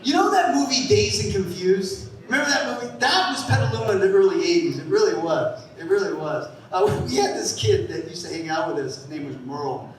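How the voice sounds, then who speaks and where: A man in his fifties from the San Francisco Bay Area doing a rambling stand-up set on a comedy club stage, breaking into loud shouted voices for the people in his stories. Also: sits high, very animated, brisk. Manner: rambling storytelling with bursts of shouted character voices. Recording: echoey club sound from a distant mic.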